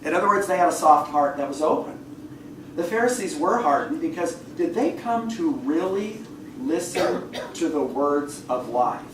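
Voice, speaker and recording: Hoarse man teaching a Bible class. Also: on the high side, expressive, moderate pace. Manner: conversational, asks the class questions, clears throat often. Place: church classroom. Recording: echoey room, far mic, faint hiss.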